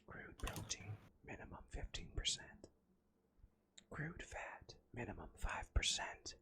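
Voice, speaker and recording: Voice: mid-range voice, very animated, measured pace, bright, forceful tone. A streamer in a joking ASMR livestream, whispering in a mock-soothing way and echoing their own words over and over.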